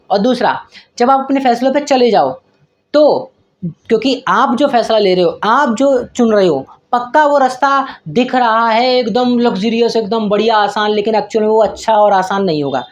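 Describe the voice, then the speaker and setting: A man giving casual career advice to his viewers in a raw, unedited video, joking, slangy, and calling them brother. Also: high voice. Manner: self-deprecating, rambling with restarts. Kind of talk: casual motivational talk to camera.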